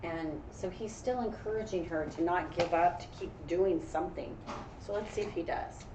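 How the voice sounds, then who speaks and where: In a fairly low voice at normal speed, an American woman teacher reads a picture book aloud and chats casually, encouraging young listeners to reflect. The mic is distant, the room audible, and faint background noise is present.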